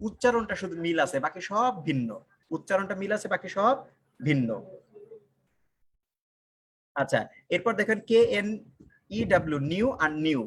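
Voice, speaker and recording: Young male online tutor, slightly high voice, quizzes viewers and repeats himself. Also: fairly bright tone, slight background noise. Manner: asks the class questions and answers them himself, repeats key lines. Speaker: online English teacher. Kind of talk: live online class, teaching and joking.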